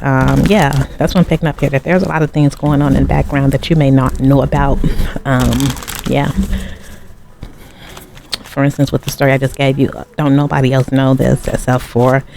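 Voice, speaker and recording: A man's voice: medium pitch, level tone, normal speed, vocal fry, long pauses, noisy background. A man giving a tarot reading in a casual, rambling way, often turning to the viewer with asides. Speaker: tarot reader. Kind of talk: casual chat.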